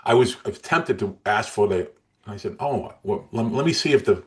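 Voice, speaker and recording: Deep-voiced man in his sixties, earnest. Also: expressive, normal speed. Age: 60s. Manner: earnest, emotional, with frequent restarts. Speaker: guest. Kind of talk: interview storytelling.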